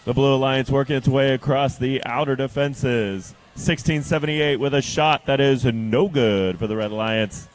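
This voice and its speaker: A man's voice: mid-range voice, steady tone. Male, game announcer, fighting game style, emphatic calls, live play-by-play, mid-range voice. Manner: drawn-out, emphatic team-name calls. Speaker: robotics competition game announcer.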